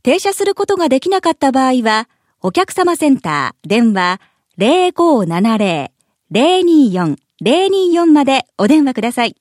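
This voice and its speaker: A woman reading a scripted public information announcement in a formal, clearly worded manner. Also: high-pitched, big pitch swings, unhurried, a little mellow, no echo, studio quality. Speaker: announcer of a motorway information spot.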